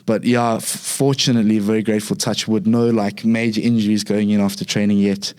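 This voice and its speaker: A young man from Zimbabwe with a Zimbabwean accent, chatting relaxed as a podcast guest, with many fillers and restarts. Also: fairly low pitch, fairly quick, clear, resonant tone. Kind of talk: casual interview talk.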